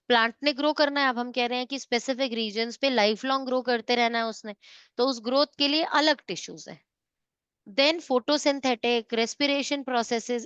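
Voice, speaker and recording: High-voiced woman teaching class. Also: a bit bright, clean tone, no echo, lo-fi sound. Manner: mixes Hindi and English, checks students often. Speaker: science teacher. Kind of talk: online class lecture.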